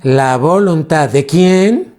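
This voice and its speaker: A man's voice: on the high side, takes it slowly, a little mellow. A man, a pastor preaching a teaching sermon and quizzing his congregation with questions.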